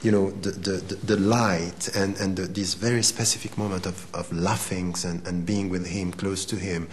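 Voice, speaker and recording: Steady in tone and deep, the man talks at a normal speed while faint noise sits in the background. A forties-aged Swiss interviewee whose first language is Arabic, he replies reflectively and haltingly, repeating words often.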